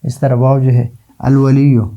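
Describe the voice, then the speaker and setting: Slow-drilling male Arabic teacher. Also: mid-range voice, little pitch movement, mellow, low-quality recording. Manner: slow, drawn-out repetition of example words; asks then answers his own questions. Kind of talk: classroom lesson.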